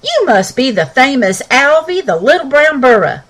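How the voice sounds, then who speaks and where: A woman's voice: high voice, big pitch swings, normal speed, a bit bright, pitched above the performer's own voice, heavily acted. A woman doing a drawling cowboy pony. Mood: friendly. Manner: drawling western cowboy talk. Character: folksy young male cowboy pony.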